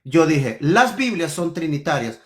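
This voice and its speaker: A man's voice: on the high side, very animated, a little slow. A man in a heated theological debate, accusing his opponent and stressing key words over and over.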